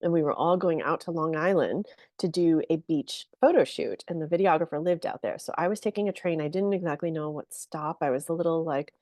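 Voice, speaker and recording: A woman's voice: sits low, brisk, no room sound, clean studio sound. Chatty woman telling a story. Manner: animated, chatty, many fillers, laughs often. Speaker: podcast guest, photographer. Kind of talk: casual storytelling.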